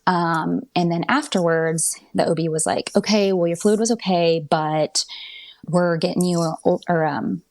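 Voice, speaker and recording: A woman's voice: fairly low pitch, steady tone, moderate pace, a little mellow. A woman telling her birth story as a podcast guest, chatty, with lots of fillers and restarts.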